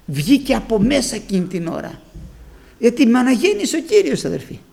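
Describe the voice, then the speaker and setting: Fervent older male preacher, gravelly voice. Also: very high-pitched, huge pitch swings, darkish tone. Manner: fervent, repeats phrases, often calls out to the congregation as brothers. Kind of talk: Pentecostal sermon with personal testimony.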